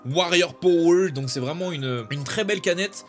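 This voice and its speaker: A young man with a notably high voice talks casually while unboxing, joking around and slipping into slang. He gets excitable and shouts out exclamations, and faint music plays behind him. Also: moderate pace. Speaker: YouTuber.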